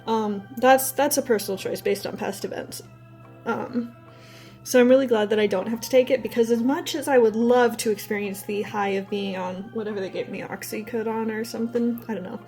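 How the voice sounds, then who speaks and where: A woman's voice: fairly high pitch, steady tone, fairly quick, a little mellow, soft background music. A young adult woman vlogging in a casual, candid, rambling way, telling personal stories and swearing now and then. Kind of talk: casual personal storytelling to camera.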